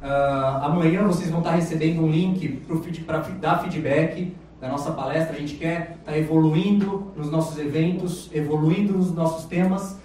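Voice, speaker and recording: A man hosting a live event gives polite, thankful closing remarks, a little halting, in an event hall. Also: a little high, steady tone, darkish tone, a little hiss or hum. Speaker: event host. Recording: very echoey hall, distant mic.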